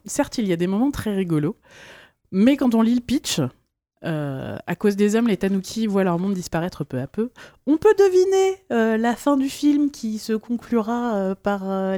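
A woman's voice: on the high side, expressive, moderate pace, warm tone, no echo. A woman in her thirties co-hosting a casual podcast, reading listener mail with plenty of fillers and restarts. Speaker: podcast co-host. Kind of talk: casual chat.

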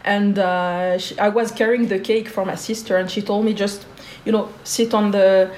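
A woman's voice: mid-range voice, steady tone, normal speed, a little mellow, a little hiss or hum. Hesitant woman in an echoey room. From Switzerland. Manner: thoughtful, hesitant, many fillers. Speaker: guest. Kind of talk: interview.

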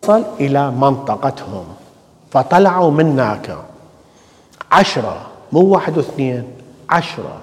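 A man's voice: mid-range voice, sing-song, normal speed, long pauses. A man with an Iraqi Arabic accent preaching a sermon as a priest, building his points with rhetorical questions and repeated phrases. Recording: long church reverb.

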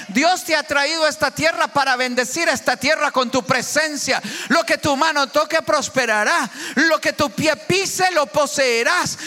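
A middle-aged man preaching a sermon as pastor, impassioned and rising at times to shouts. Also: extremely high pitch. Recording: long hall reverb.

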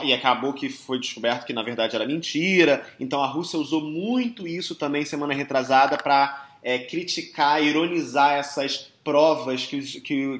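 A man giving conversational analysis as a commentator, talking hesitantly with many filler pauses. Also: medium pitch, a bit bright, echoey room.

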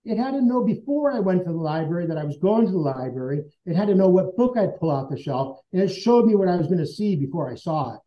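A man's voice: high-pitched, animated, quick pace, hardly any pauses. Earnest man telling his story. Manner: earnest, conversational, acts out remembered dialogue. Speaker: interview guest. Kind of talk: personal storytelling in conversation. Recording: dull lo-fi sound.

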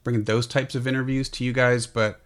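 A man hosting a podcast in casual chat, halting and repeating words as he goes. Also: medium pitch, little pitch movement. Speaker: podcast host.

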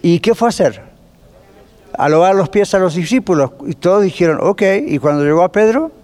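A man teaching a Bible class as pastor, lively and conversational, putting rhetorical questions to his listeners. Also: high-pitched, brisk. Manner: lively, asks the class rhetorical questions, drops in English phrases. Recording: long reverb of a church hall.

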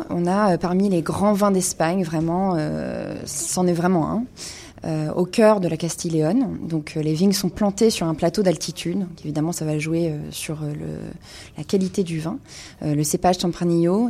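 A woman's voice: on the low side, mellow. A woman presenting a casual wine segment, speaking with many hesitations and fillers. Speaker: wine columnist.

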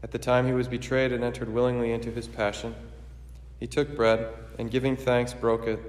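A priest celebrating Mass, reciting the liturgy in a steady, measured way, his voice ringing with a cathedral echo. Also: medium pitch. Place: large church. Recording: echoey church with long reverb.

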